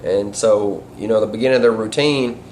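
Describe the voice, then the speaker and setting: A man's voice: fairly low pitch, brisk, a little mellow. A man talking casually and instructionally in a folksy, rambling way with colloquial grammar. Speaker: duck calling instructor and caller. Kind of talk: casual instructional vlog talk. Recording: clear background noise.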